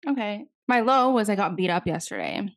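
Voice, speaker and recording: A woman's voice: mid-range voice, animated, fairly quick, no echo, studio quality. A young woman co-hosting a podcast, telling a rambling story in casual chat, full of "like" fillers and freely swearing. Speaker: podcast co-host.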